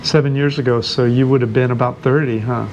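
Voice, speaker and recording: Gravelly American man in his sixties. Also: medium pitch, fairly quick. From United States. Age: 60s. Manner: relaxed, rambling, hesitant fillers. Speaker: host. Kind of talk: casual chat. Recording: noisy background hiss.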